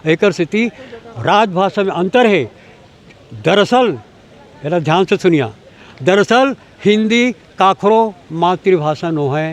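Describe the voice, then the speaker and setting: An older man with a Chhattisgarhi accent, speaking in a high, raised voice. He lectures with force and keeps throwing rhetorical questions at his listener. The talk is taken outdoors, with passing vehicles behind him. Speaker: language activist. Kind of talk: impassioned interview answers.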